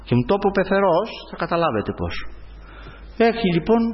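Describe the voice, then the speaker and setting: A man preaching a sermon, telling a personal story and often calling his listeners brothers. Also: a little hiss or hum. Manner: animated storytelling, swings up in pitch. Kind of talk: sermon testimony. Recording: dull sound in a hall with long reverb.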